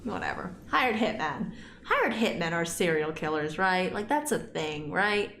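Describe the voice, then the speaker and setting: Brief: woman, let's play host, rambling, animated musing, echoey room, faint hiss. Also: lowish voice, unhurried. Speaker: gaming channel host. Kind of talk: let's play commentary and reading aloud.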